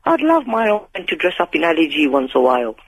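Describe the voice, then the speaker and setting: A fifteen-year-old boy with a London accent calls into a talk radio phone-in, his slightly high, husky voice swinging hugely in pitch at a quick pace. He talks candidly and informally in emphatic slang, repeating phrases, over a dry telephone line with no echo.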